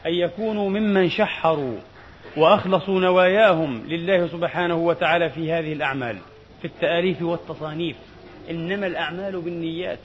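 A man preaching a sermon in formal classical style, measured and emphatic, often repeating a phrase for weight. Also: on the high side, a little hiss or hum. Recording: dull audio with long hall reverb.

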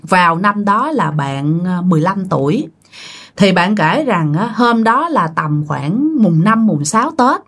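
A woman's voice: medium pitch, sing-song, unhurried, a bit bright. Chatty woman telling a ghost story. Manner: chatty, addresses listeners directly.

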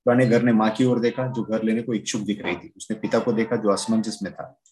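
Low-voiced man reading a children's story. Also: little pitch movement, fairly quick, a little mellow, slight background noise, rough recording. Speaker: narrator. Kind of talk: children's story read aloud.

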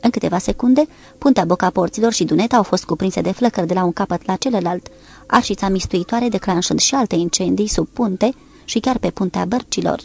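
A woman reading a naval war novel aloud as audiobook narration, in a steady, measured way, lifting her voice slightly for the characters' lines. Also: mid-range voice, creaky.

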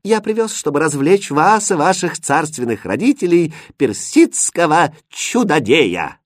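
A man's voice: fairly high pitch, measured pace, no room sound, clean studio sound, voice pushed up. Storybook suitor prince, flowery, gushing, raised voice, man reading. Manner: gushing, sing-song flattery. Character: flowery pompous young Persian prince.

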